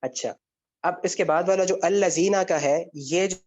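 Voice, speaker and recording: A man's voice: high voice, darkish tone. A male teacher giving a lecture step by step, often asking a question and then answering it himself. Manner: explains step by step, asks and answers his own questions. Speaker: Arabic grammar teacher. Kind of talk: online lecture with student questions. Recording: dull lo-fi sound.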